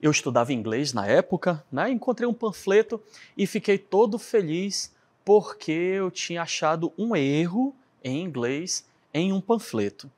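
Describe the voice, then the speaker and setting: A man's voice: sits high, unhurried. A Brazilian man with a Brazilian Portuguese accent, teaching a chatty English lesson and checking in often with his class. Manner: chatty, animated, keeps checking in with "né?".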